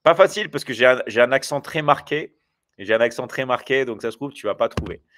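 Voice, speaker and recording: A man in his forties rambles casually with viewers on his livestream, often hesitating and restarting. He speaks quickly with lively intonation, his medium-pitched voice a bit bright.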